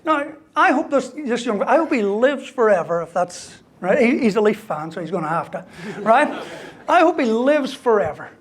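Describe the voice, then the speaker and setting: A man's voice: very high voice, sing-song, moderate pace, breathy edge. A man giving a humorous motivational talk as a university lecturer, asking "right?" after most points. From Ireland. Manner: joking, ends lines with "right?".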